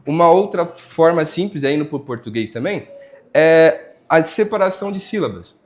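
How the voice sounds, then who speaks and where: Brazilian man, music teacher, patient explainer, slightly high-pitched; school podcast guest. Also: animated, moderate pace, a little mellow. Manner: explanatory, counts beats and claps out examples. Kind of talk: casual school podcast interview.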